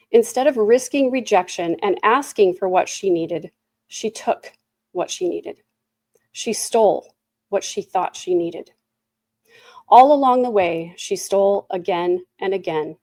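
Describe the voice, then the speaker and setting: A woman's voice: mid-range voice, darkish tone, dry recording. Solemn woman reading an accusatory statement. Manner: solemn, deliberate, accusatory, with emphatic repetition. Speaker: person giving a victim impact statement. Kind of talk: prepared statement read aloud.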